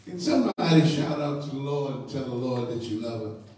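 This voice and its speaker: This bishop speaks with a mid-range, expressive, slightly mellow voice as he leads a midweek Bible study sermon in the church sanctuary. The recording is distant and echoey, and he lingers over phrases while prompting the congregation to answer back.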